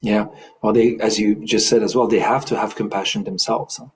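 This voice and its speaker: A man leading an online study discussion, speaking in a thoughtful, measured way. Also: fairly low pitch, steady tone, low-quality recording. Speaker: discussion leader.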